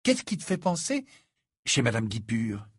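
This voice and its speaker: A man's voice: medium pitch, huge pitch swings, unhurried, husky, no echo, clean studio sound, exaggerated voice. A man voicing a stubborn, irritable teenage boy wizard who speaks insistently.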